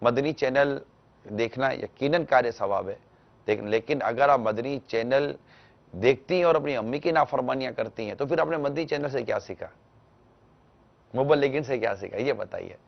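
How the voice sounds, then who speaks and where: Gravelly male religious scholar giving gentle advice. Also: mid-range voice, muffled recording. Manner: gentle, instructive, acts out household dialogue. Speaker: religious scholar answering callers. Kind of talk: televised religious advice talk.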